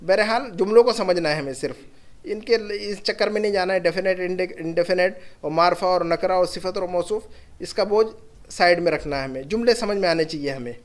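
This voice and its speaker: A man's voice: sits high, fairly quick. A man teaching an Arabic grammar lesson, patiently repeating example words and sentences.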